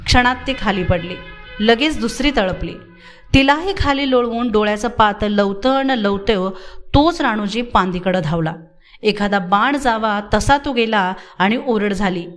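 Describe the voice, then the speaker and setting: A woman narrating a novel as an audiobook, with steady, expressive storytelling. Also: medium pitch. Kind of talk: dramatic novel reading.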